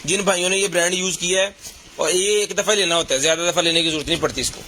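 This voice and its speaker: A man with a Pakistani Punjabi accent giving an eager, repetitive live teleshopping-style sales pitch, hammering on prices over a noisy recording. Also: steady tone, racing, sharp tone. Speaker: live online seller showing container goods.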